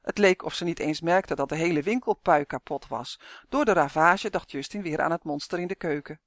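A woman narrating a children's fantasy story in a measured, expressive way. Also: deep voice, dry recording, studio quality.

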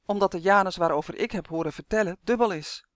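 A storyteller voicing a small, high-strung elf in duck form who buzzes his words, in a storybook reading. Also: fast, dry recording, clean studio sound, natural voice. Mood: excited. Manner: buzzing, wary, high-strung.

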